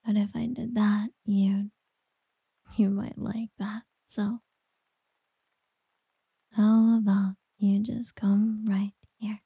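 A woman doing a whispered ASMR girlfriend roleplay, soft, teasing and doting. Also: medium pitch, level tone, slow pace, gravelly, pauses often, slightly rough, dry recording, highs cut off.

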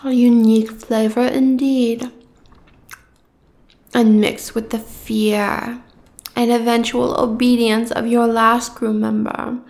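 A woman voicing a cruel, gloating giant goddess who speaks in slow, taunting threats. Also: on the high side, level tone, creaky, darkish tone. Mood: savoring. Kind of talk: fantasy audio roleplay.

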